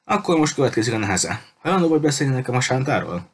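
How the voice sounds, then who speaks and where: A man's voice: medium pitch, big pitch swings, husky, pitched above the performer's own voice. A man reading a cruel pirate captain in an audiobook, threatening and mocking in a coldly polite way. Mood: menacing. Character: cruel menacing male pirate captain, adult.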